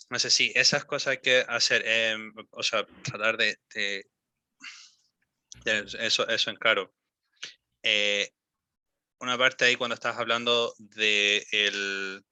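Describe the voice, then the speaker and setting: A young man coaching a student's English pronunciation over a call. He is patient, models each word slowly and fills gaps with ums and eh. His voice is bright and sharp, recorded dry and close. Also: fairly low pitch, flat delivery, clear, resonant tone, no room sound. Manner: patient, repeats and models words slowly, many fillers. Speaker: English teacher.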